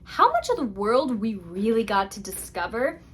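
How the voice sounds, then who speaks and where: A young woman talks through a book review vlog in a gushing, excitable way, her voice sitting a little high. She piles up fillers and breaks into laughter as she chats casually. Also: normal speed, slight background noise.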